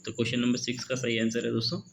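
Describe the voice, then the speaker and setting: Man teaching exam English, slow question reading. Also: medium pitch, completely flat delivery, creaky, fairly bright tone, a little hiss or hum. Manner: reads questions slowly, peppers with "ठीक है" and "दोस्तों". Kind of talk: exam-prep lesson in Hindi-English mix.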